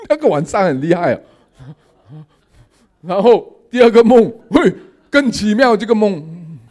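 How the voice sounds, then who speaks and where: A man giving a sermon testimony, telling his dreams in a lively storytelling manner with English words mixed in. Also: a little high. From Malaysia. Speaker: lay preacher.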